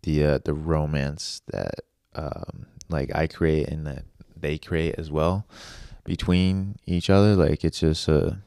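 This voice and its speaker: A man's voice: very deep voice, slow pace, gravelly, dark tone, clean tone, dry recording, studio quality. A young man in his early twenties chatting casually on a podcast, rambling and leaning on fillers like "like" and "you know.". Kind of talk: casual chat.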